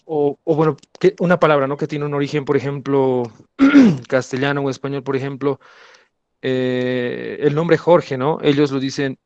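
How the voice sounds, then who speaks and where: Hesitant man with a smooth, dry voice. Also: mid-range voice, moderate pace, darkish tone, no room sound, muffled recording. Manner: hesitant, many fillers. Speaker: student.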